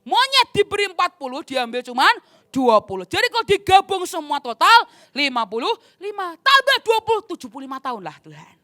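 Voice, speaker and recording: Animated high-voiced woman preaching. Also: fairly quick, no echo, studio quality. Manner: animated, addresses audience as "saudara". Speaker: evangelist preacher. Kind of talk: sermon storytelling with acted dialogue.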